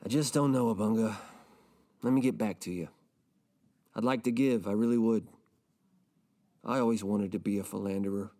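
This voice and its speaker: An actor playing a gloomy, self-pitying rich man who rambles in a deadpan, mopey way in a comedic audio drama. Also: on the low side, normal speed, long pauses, lightly acted.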